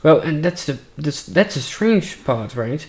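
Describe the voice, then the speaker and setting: A man playing a wary male guide in a tabletop game who warns the party about a guarded cave. He talks with many fillers and a dry, sarcastic edge, in a slightly high voice. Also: animated, unhurried.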